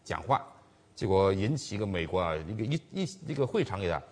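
A man's voice: sits low, very animated, fairly quick. A man co-hosting a commentary show, retelling events in a rambling way with many restarts and fillers. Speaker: co-host, commentator. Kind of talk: political commentary chat.

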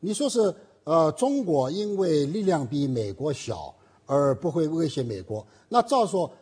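A man's voice: on the high side, big pitch swings, measured pace, mellow, breathy edge. A man hosting a commentary show, leading the talk with questions and rebuttals. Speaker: host. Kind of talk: political commentary chat.

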